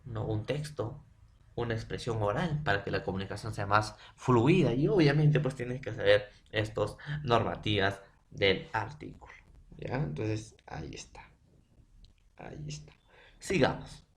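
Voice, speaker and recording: A male teacher with a Peruvian Spanish accent, explaining grammar step by step and asking and answering his own questions, sometimes dropping to a soft whisper. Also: on the low side, lively intonation, a little slow. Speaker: school teacher. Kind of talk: grammar lesson.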